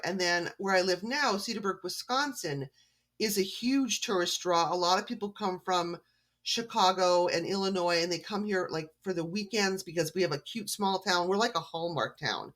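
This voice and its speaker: A woman's voice: lowish voice, normal speed, a bit bright. Woman author guest, from canada, friendly, talkative, casual interview.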